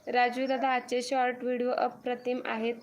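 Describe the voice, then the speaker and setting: High-voiced woman greeting live viewers. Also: completely flat delivery, moderate pace, slight background noise. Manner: greets viewers one by one, reads comments aloud, repeats thanks. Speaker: live-stream host reading viewer comments. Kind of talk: casual live-stream chat. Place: farm home with cattle shed nearby.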